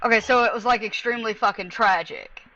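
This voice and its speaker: Bright, forceful speaker, blunt and sweary. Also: mid-range voice, quick pace, dry recording, muffled recording. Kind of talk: casual, profane discussion.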